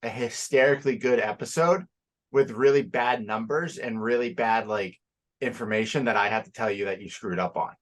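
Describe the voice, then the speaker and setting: Young male co-host, low voice, tired, loose and swearing, laughs easily. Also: moderate pace. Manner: loose and profane, laughing and yawning. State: sleepy. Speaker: podcast co-host. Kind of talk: casual chat.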